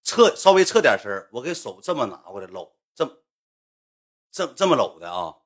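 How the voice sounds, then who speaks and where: A man with a Northeastern Mandarin accent telling a story in casual chat, animated and acting out the voices of the people in it. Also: medium pitch, a little fast. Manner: animated, acts out quoted voices.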